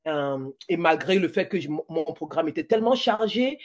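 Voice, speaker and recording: A woman in her forties from Cameroon speaks animatedly in a low-pitched voice at normal speed. Appearing as a guest in a conversational podcast interview, she slips English into her French and restarts a lot.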